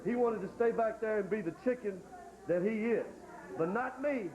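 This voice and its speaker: A man cutting an excitable, rambling wrestling promo, trash-talking a rival. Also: sits high, moderate pace. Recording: dull lo-fi 1980s TV audio with hiss.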